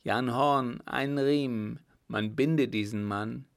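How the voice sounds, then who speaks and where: A man voicing a gracious, commanding emperor who speaks in a measured, formal way in a storybook. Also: medium pitch, creaky. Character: commanding older male emperor, calm and gracious.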